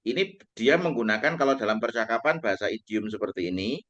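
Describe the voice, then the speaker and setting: A man teaching an online English class, explaining slowly and stressing the English phrases he quotes. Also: fairly low pitch, expressive, a bit bright, dull audio. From Indonesia.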